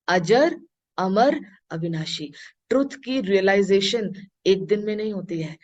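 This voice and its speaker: A woman spiritual teacher giving a talk to an audience, mixing Hindi and English and asking her listeners questions, with slow, emphatic phrases she repeats. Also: medium pitch, a little mellow. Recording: dull lo-fi recording.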